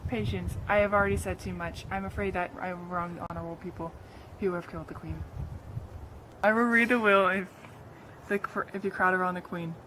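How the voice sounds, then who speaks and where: A woman playing a grieving friend of a slain queen, a sly orator who speaks haltingly, in an amateur play. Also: fairly low pitch, fairly even intonation, a bit bright, a little hiss or hum, close to an everyday voice, poor audio. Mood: coy. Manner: halting, hesitant speech-making.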